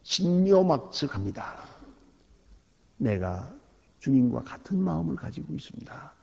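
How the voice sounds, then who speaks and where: A male pastor preaching a sermon, swinging between loud emphasis and near-whispered asides. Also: a little high, big pitch swings, measured pace, creaky. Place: church sanctuary. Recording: lo-fi church hall recording with long reverb.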